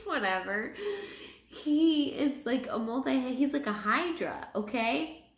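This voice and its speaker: A woman's voice: high-pitched, expressive, slow. A woman giving a casual film review in a tipsy, rambling way, repeating herself as she goes. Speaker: movie reviewer. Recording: echoey room.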